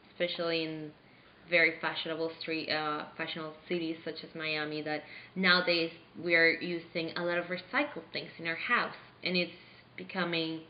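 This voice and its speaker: Low-voiced young woman from Venezuela. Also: slight background noise. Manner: earnest, halting with fillers. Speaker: interviewee playing a charity founder. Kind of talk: staged mock interview. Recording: roomy, slightly dull sound.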